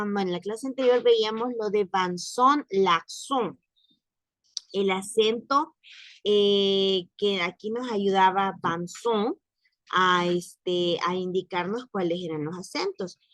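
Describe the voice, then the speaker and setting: A woman teaching French in an online class, speaking slowly and repeating words for practice. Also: mid-range voice, a bit bright, dry recording. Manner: slow, careful, repeats words for drilling.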